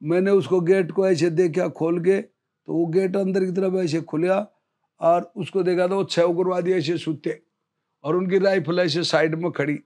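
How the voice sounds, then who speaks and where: A man in his fifties, an army veteran, telling a story in an interview in a lively way and acting out what others said. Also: sits high, a little slow.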